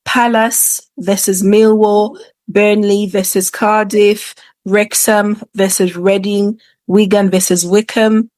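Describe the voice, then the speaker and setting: A woman's voice: medium pitch, a little mellow, no room sound. A woman hosting a football show, commenting casually in an informal, conversational way with hesitant asides. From England. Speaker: football podcast host.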